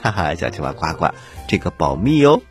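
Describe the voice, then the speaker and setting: A man hosting and narrating stories for children in an animated, husky voice. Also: sits low, fairly quick, soft background music. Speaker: children's storyteller, host.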